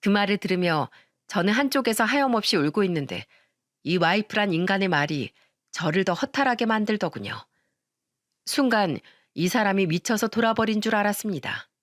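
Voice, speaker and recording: A woman telling a dramatic first-person story in a scripted, expressive narration. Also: mid-range voice, brisk, no room sound, clean studio sound.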